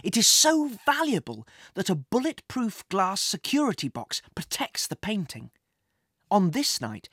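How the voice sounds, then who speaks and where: A woman narrating a children's adventure story in an expressive storybook reading style. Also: fairly low pitch, no echo, studio quality. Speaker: audiobook narrator.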